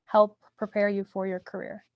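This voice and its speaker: A woman's voice: mid-range voice, level tone, normal speed, no room sound. A woman interviewing a guest, asking short questions and giving brief acknowledgements. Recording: dull, dry sound.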